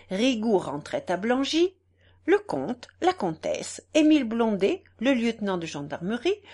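Sex: woman. Role: audiobook narrator. Style: scripted narration of a classic novel. Delivery: expressive, measured, lively pitch.

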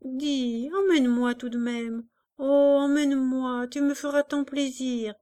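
A woman's voice: fairly even intonation, measured pace, mellow, no echo, studio quality. A woman voicing a jealous, clingy little girl who begs and sobs, in a storybook reading. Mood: pleading. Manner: begging, sobbing, raised high voice.

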